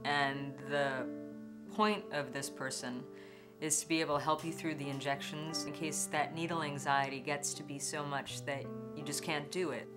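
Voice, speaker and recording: A woman's voice: deep voice, fairly even intonation, moderate pace, over music. A woman speaking candidly and reflectively in a documentary interview. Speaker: interviewee telling her story. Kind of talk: personal documentary testimony.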